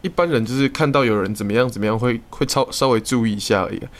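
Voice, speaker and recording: A young man from Taiwan, co-hosting a podcast in casual chat, telling stories quickly with lots of swearing. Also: medium pitch, slight background noise. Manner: rapid, swearing, animated storytelling. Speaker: podcast co-host.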